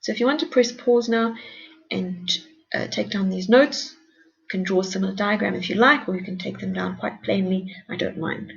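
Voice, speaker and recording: Patient woman teacher, gravelly voice. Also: mid-range voice, fairly even intonation, normal speed. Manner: patient, encouraging, explains step by step. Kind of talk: recorded grammar lesson. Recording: dull lo-fi recording.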